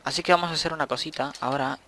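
A man's voice: fairly high pitch, very fast, sharp tone, slight background noise. A young man, rambling casually to himself while commenting on his gameplay and swearing at the game now and then. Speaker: gaming channel host.

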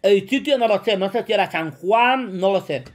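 A man with a Spain Spanish accent playing a quiz as a streamer, joking, boasting and breaking into shouts. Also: high-pitched, animated, normal speed, soft background music. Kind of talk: casual gaming commentary.

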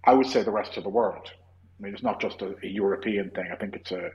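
A man's voice: fairly low pitch, a little fast, highs cut off. Rambling Irish man, podcast host. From Ireland. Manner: rambling, restarts often, opinionated. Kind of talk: casual podcast discussion.

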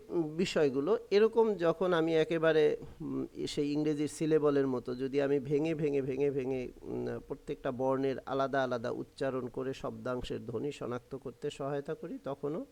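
A man with a Bangladeshi Bengali accent, a teacher trainer explaining a lesson in a halting way, with many fillers, spelling out example words slowly. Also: medium pitch, gravelly, mellow.

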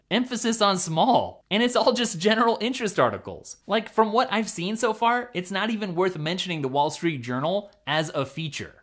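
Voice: mid-range voice, a bit bright. A tech channel host giving scripted, opinionated commentary, enthusiastic with wry asides.

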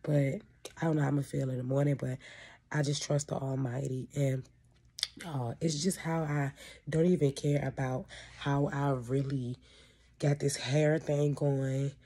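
A woman's voice: extremely low pitch, fairly even intonation, measured pace, dark tone, breathy edge. A woman with a congested, stuffy nose, talking casually into her phone and then praying aloud fervently, repeating God and Lord between phrases. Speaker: prayer vlogger. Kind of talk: casual talk turning into spoken prayer.

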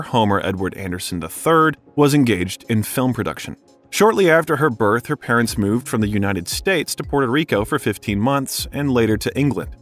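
A male narrator reading a biography script with a lively, swinging pitch. His mid-range voice carries steadily through the text, with faint music underneath. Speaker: documentary narrator.

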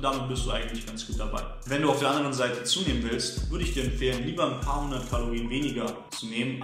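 A man working as a fitness coach, giving brisk, structured advice to the camera and answering his own questions. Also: medium pitch. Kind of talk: direct-to-camera advice video. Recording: very echoey room with music underneath. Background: background music.

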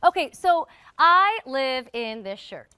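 Chatty tv shopping host lady, slightly high voice, selling deals nonstop. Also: sing-song, slow pace, bright, forceful tone, no room sound. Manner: chatty, upbeat sales patter addressing viewers directly. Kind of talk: live TV shopping presentation.

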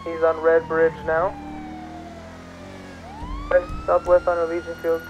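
A man giving clipped, steady chase updates over a police radio while playing an officer in a roleplay. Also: a little high, unhurried, dull audio, background noise. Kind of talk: terse radio callouts during a chase.

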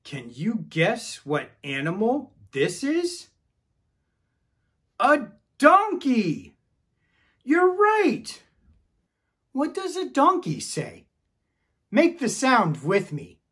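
Lively man telling a children's Bible story. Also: sits high, takes it slowly, breathy edge. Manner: enthusiastic, calls for the audience to join in. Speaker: children's ministry leader.

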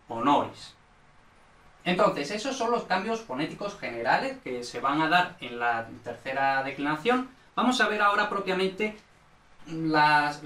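Male teacher, bright tone, roomy echo from a distance, explanatory lesson delivery. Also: a little high. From Spain. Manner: explanatory, frequent checks with "¿vale?" and "¿no?". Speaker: Latin teacher. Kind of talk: recorded online lesson.

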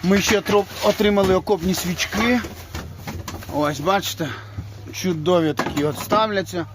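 A man, a soldier, sends thanks in a casual video message from a military position, talking warmly with fond diminutive words. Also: high-pitched, moderate pace. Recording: noisy field video clip.

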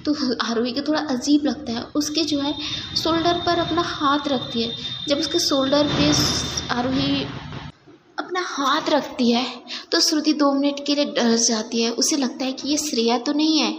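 A woman's voice: sits high, unhurried. Young woman storyteller, chatty narration, echoey room with faint hum. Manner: conversational, mixes in English. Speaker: storyteller, channel host.

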